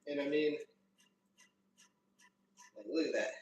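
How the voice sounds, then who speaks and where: A man's voice: fairly high pitch, slow pace, a little mellow, lo-fi sound. Man, casual livestream host, laid-back frat-bro talk, mild swearing, echoey room, faint background noise. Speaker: home-brewing livestream host. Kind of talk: casual livestream chat while demonstrating. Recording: roomy echo, distant mic, faint noise.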